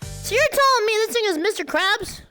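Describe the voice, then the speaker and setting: Cute, very high-pitched animated woman streamer. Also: brisk, faint music behind. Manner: playful, goofy, exaggerated reactions. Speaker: streamer reacting to a video. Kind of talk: casual reaction stream chat.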